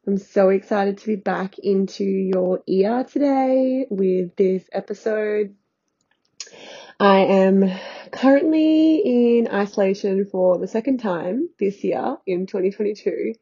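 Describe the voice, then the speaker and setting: A woman's voice: medium pitch, takes it slowly, mellow, husky, dull audio. A woman hosting a podcast, talking in a loose, unscripted way with a nasal, congested voice from illness, sitting on a bed at home. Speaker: podcast host and healing coach. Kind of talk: casual solo podcast chat.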